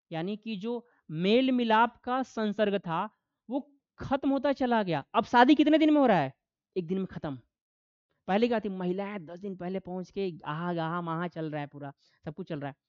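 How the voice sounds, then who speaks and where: A man's voice: high voice, dry recording, highs cut off. A man teaching a classroom lecture, asking his students questions and answering them himself, acting out quoted voices. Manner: animated, acts out quoted voices.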